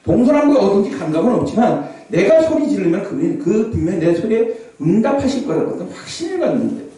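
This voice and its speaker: A man preaching a revival sermon as a pastor, animated, sometimes shouting out scripture cries. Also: high voice, fast talker. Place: large prayer hall. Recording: echoey hall, voice from far off.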